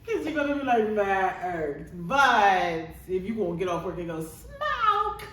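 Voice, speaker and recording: A woman's voice: mid-range voice, sing-song, measured pace, fairly bright tone, recorded from a distance, slight background noise. A woman co-hosting a podcast in laid-back, slangy banter, laughing often. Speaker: podcast co-host. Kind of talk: casual chat. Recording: echoey room from off mic.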